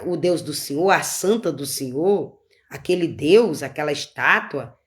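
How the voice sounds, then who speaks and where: A woman delivers an informal sermon in a lively voice that swoops up and down. She is fervent and drives her points home by repeating phrases. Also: on the low side. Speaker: preacher.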